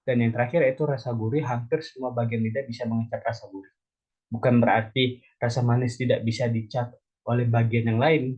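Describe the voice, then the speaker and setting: A man's voice: medium pitch, slightly rough, highs cut off. A young man from Indonesia teaching an elementary school biology lesson, explaining step by step and putting questions to the children. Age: young adult.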